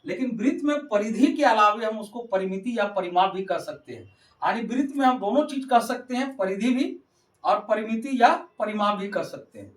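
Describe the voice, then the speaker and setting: A man's voice: sits high, animated, normal speed. A male math teacher explaining a geometry lesson to children, repeating points and calling on the kids again and again, with a Hindi accent. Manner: repetitive, addresses the kids constantly. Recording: roomy, from a distance.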